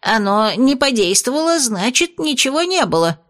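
A woman voicing a cowardly horned male imp with a strained, wheezing voice and drawn-out, pleading words. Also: on the high side, sing-song, fairly bright tone, pitched above the performer's own voice, exaggerated voice. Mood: panicked.

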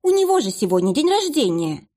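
A woman's voice: high voice, very animated, fairly quick, mellow, pitched above the performer's own voice. A woman reading aloud and voicing a meek, easily frightened young female office manager who babbles. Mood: gossiping.

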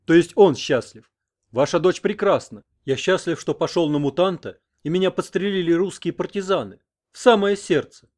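A man's voice: high-pitched, moderate pace, a little mellow, voice pushed up. Nervous young interpreter, stiffly formal, read by a man. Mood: flustered. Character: flustered young male interpreter.

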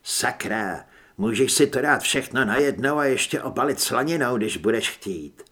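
A man voicing a century-old male werewolf in an audiobook, gruff with dry humor. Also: medium pitch, animated, a bit bright, lightly acted. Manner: gruff, wry. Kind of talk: audiobook character reading.

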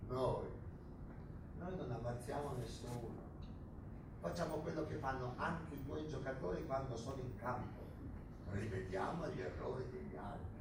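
A male stage actor plays a menacing, boastful Argentine army captain of the dictatorship, sounding self-important and scornful. He speaks expressively at a normal speed and middling pitch, in a pompous, declamatory, lightly acted style. Heavy echo, distance, and clear background noise fill the recording.

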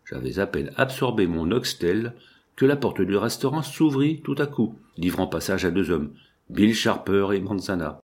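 A man reading a first-person novel aloud in a steady, measured way, lifting his tone for the quoted speech. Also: sits low. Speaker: audiobook reader. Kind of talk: scripted first-person narration.

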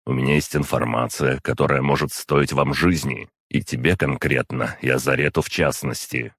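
A man reading an audiobook and voicing a calm, unflappable young man who speaks flat and blunt. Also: rumbling low, moderate pace, husky, no echo, studio quality, heavily acted. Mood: cool. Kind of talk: audiobook narration.

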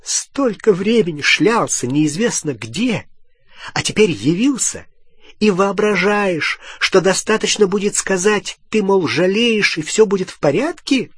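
Man doing a shrieking teenage girl, furious, bossy, sarcastic, high strained voice, husky, dry close audiobook sound. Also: wildly swooping pitch, slow, a bit bright, no room sound, exaggerated voice. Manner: shrill, screeching, sarcastic. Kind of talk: audiobook character voice.

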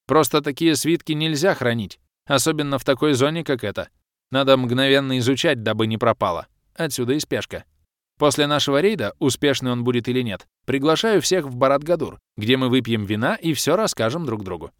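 A man voicing a commanding, sharp-tongued baroness in an audiobook. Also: medium pitch, no echo, clean studio sound, pitched above the performer's own voice, natural voice. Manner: brisk and imperious. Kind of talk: audiobook character voice.

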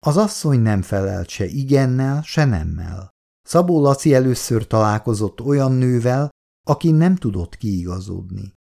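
Male storyteller, measured, gravelly, dark tone. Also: mid-range voice, expressive. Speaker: narrator. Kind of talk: storybook reading.

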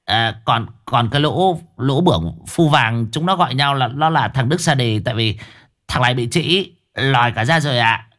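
A man's voice: medium pitch, animated, normal speed, fairly bright tone, lightly acted. A man voicing a brutal, sneering henchman who hisses his threats through cruel laughs. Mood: sneering cruelty.

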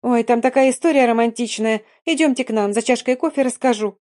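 A woman's voice: a little high, dark tone, lightly acted. A woman voicing a chatty, pushy young wife who rattles on in an audiobook. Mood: gushing. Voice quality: rapid chatter.

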